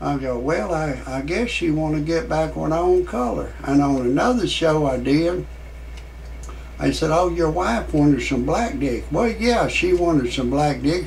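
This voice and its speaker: Gravelly 60s guy doing a rambling parody comedy bit, kinda high voice, faint hiss behind. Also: low-quality recording. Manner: rambling deadpan delivery with many fillers; shouts quoted lines in a much higher voice. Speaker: parody show host.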